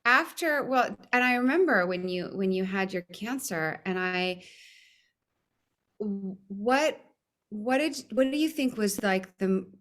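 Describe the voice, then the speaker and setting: A woman's voice: mid-range voice, lively intonation, measured pace, fairly bright tone. A woman from Hawaii hosting a casual interview chat, asking chatty, rambling questions. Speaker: podcast host.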